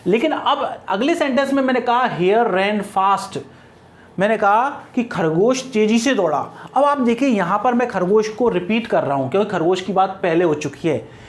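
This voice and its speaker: A male English grammar teacher giving a lesson, repeating key points, posing questions and answering them himself, and dictating example sentences word by word. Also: high-pitched. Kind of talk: classroom-style grammar lesson.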